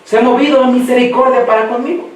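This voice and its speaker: High-voiced male preacher in echoey hall. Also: steady tone. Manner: asks the congregation questions and lets them finish his sentences; slows down when reading scripture aloud. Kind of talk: sermon. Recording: echoey hall, mic far off.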